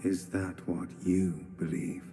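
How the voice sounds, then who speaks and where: A man voicing a cold, threatening killer over loud music. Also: sits low, little pitch movement, slow. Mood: menacing. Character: menacing deep-voiced male killer. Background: loud dramatic music.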